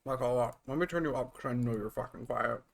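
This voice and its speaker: A man streaming live, chatting casually with his audience and co-host while he eats, swearing freely and swinging between loud and soft. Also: medium pitch, fast, vocal fry.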